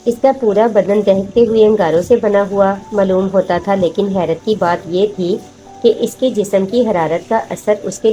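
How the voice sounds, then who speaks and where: Woman narrating a horror story, mellow voice. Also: mid-range voice. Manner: steady, measured storytelling. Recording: faint music behind.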